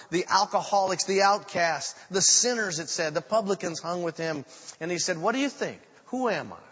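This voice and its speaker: An older man delivers a sermon with dramatic storytelling, his fairly high voice rising to loud declarations and dropping to near whispers. The recording is slightly muffled. His voice rings out with a long echo through a large church sanctuary. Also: husky. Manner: dramatic storytelling preacher, swinging from loud to hushed. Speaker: pastor. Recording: muffled sound with long reverb in a large room.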